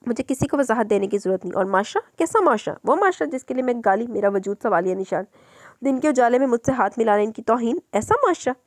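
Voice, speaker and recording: A woman's voice: a little high, animated, fast, dry recording, pitched above the performer's own voice, natural voice. A woman voicing a defiant, wronged young woman in an audiobook novel, speaking with fierce indignation.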